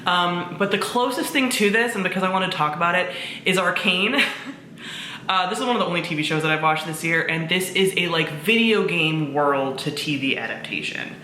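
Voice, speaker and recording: This video host's lowish voice is bright and forceful, and she speaks fairly quickly while gushing about books in a casual, informal chat with mild swearing. Faint background noise and room echo come through.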